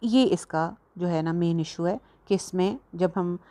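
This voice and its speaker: Soft-voiced woman teaching recitation. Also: fairly low pitch. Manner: patient, demonstrates sounds slowly and repeats them. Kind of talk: tajweed lesson explaining letter sounds.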